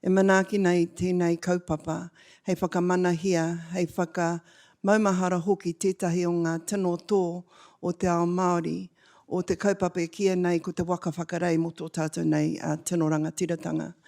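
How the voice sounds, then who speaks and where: Low, mellow New woman greeting formally. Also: flat delivery. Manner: formal and measured, pausing with "uh". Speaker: panelist.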